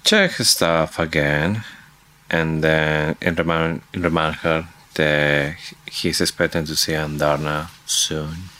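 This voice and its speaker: A co-host in a casual book discussion, speaking in short, halting phrases. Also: rumbling low, steady tone, pushed and bright. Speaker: podcast co-host.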